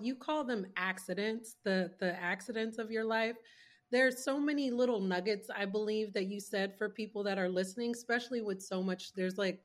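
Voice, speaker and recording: A woman hosting an interview, asking eager, rambling questions full of "like.". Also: mid-range voice. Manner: enthusiastic, question-piling with many "like"s. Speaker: podcast host. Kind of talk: casual interview.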